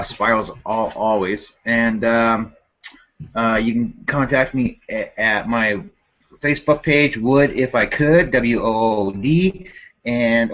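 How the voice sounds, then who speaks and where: A man from Alberta, Canada, introducing himself as a guest on a video call in a halting way, with many fillers. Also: medium pitch, fairly bright tone. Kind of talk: casual self-introduction. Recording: muffled video call audio.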